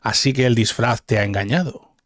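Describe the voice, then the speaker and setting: A man's voice: medium pitch, fairly quick, close to an everyday voice. A man with a Castilian Spanish accent voicing a taunting, gloating demon villain from a video game. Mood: gloating menace.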